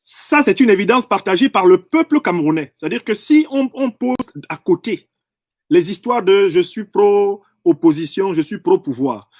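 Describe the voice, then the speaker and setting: This political commentator gives an impassioned monologue, emphatic and professorial, pressing each point by rephrasing and repeating himself. His voice is high for a man, with lively intonation that swings widely in pitch, and his pace is moderate. The recording is dry and close, with no room sound.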